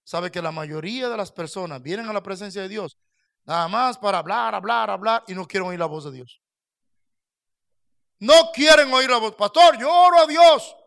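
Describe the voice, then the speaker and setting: A man preaching a sermon as pastor, swinging between soft low asides and loud raised exhortations to his listeners. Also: lively intonation, moderate pace, vocal fry. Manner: impassioned preaching, addresses listeners as brothers.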